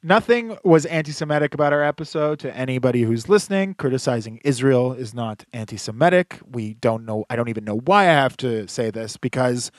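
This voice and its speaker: A man's voice: mid-range voice, lively intonation, fairly quick, hardly any pauses, dry recording. A man co-hosting a podcast in casual chat, rambling with lots of fillers and dry, sarcastic asides. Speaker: podcast co-host.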